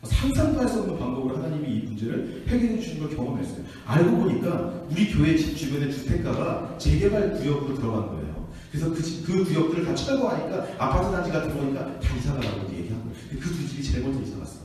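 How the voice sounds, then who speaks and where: A man preaching a sermon to a youth group, telling stories in an animated way and acting out the people in them. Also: a little high, quick pace, few pauses. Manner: animated storytelling, acting out quotes. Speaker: youth pastor. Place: church hall. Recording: echoey hall from far off.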